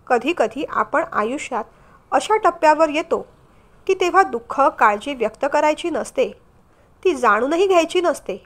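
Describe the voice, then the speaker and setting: A hurt, unhappy young wife in a storybook reading, voiced by a woman narrator. She speaks in a restrained, subdued way, holding back her pain. The voice is high. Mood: quietly firm. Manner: subdued, then sharp and defensive.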